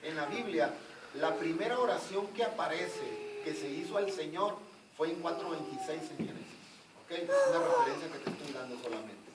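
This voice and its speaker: Guy preaching, high lively voice bouncing around, sounds far off in a roomy church. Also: normal speed. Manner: animated storytelling, emphatic questions. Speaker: evangelist preacher. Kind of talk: sermon with retold dialogue. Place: church sanctuary. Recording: echoey church from far off with noise.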